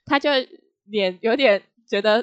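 A young woman casually telling a story about work, animated, laughing often and acting out what others said. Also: mid-range voice, measured pace, clear, resonant tone, dull audio. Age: young adult.

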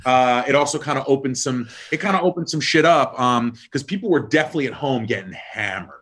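A man in his thirties talking casually in an interview about his wine brand work, swearing often, rambling with lots of likes and ums, and jumping up in pitch for emphasis. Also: fairly quick, slightly rough. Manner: animated, jumps up in pitch for emphasis.

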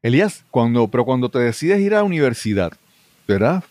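A man's voice: mid-range voice, sing-song, fairly quick, a little mellow, dry recording. A male podcast host with an ordinary mid-range voice. He asks long, winding questions, often restarting himself. The recording is close and dry. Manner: chatty, rambling questions with restarts and laughs. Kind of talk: conversational interview.

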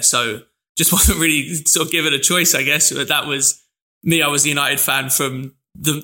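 A man's voice: mid-range voice, sharp tone. A man, reminiscing easygoingly as a podcast co-host. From London, England. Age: 20s. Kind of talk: casual chat.

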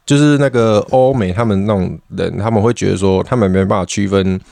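A young man with a Taiwanese Mandarin accent, talking fast in a lowish voice. He rambles through his stories as a podcast guest, tossing in fillers and tag questions. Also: gravelly, darkish tone, no room sound, studio quality. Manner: rambling, full of fillers and self-affirming tags. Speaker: guest back from living abroad. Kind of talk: casual podcast chat.

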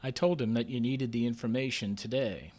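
A man narrating a story in first person with a measured, understated delivery, lifting sharply when his character asks questions. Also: medium pitch, darkish tone. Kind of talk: audio drama narration.

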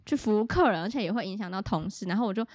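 A woman's voice: mid-range voice, expressive, very fast, a little hiss or hum. A young woman chatting casually on a podcast, telling a personal story in an earnest way. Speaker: podcast co-host. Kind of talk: casual chat.

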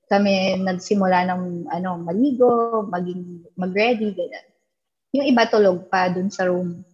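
Woman, husky voice, casual storyteller who acts out quoted lines; dull lo-fi recording. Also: lowish voice, moderate pace, a little mellow. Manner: mixes English into Tagalog, acts out quoted dialogue. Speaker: guest telling a ghost story.

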